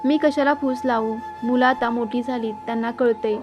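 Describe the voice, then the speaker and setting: A weary, long-suffering mother, as a woman narrator reads her answers back quietly and defiantly. Her voice is high and flat. The recording is muffled, with faint music behind. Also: normal speed, lightly acted.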